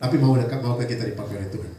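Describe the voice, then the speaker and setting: A male pastor preaching a sermon in a lively way, throwing out rhetorical questions to the congregation. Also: medium pitch, racing, slight background noise. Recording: echoey church hall from far off.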